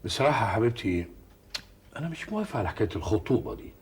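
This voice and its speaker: A man's voice: lowish voice, sing-song, racing. A fussy old Egyptian grandfather. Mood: bossy. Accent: Egyptian Arabic. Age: older. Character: fussy old grandfather, head of a wealthy household. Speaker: grandfather in a stage comedy. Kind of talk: classic Egyptian stage comedy acting. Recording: noisy old archive TV recording.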